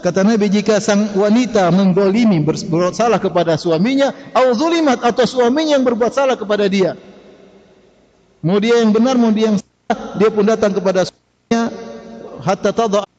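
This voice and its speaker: A man's voice: sits high, moderate pace, a little mellow. A male preacher giving a conversational sermon, questioning the audience and laughing now and then. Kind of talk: sermon lecture. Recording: dull reverberant hall recording.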